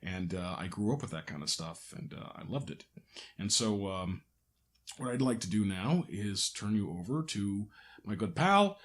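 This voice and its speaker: A man with a lowish voice, big pitch swings, and a moderate pace hosts a casual behind-the-scenes podcast as an audio drama creator. He jokes and pokes fun at himself, with hesitant false starts.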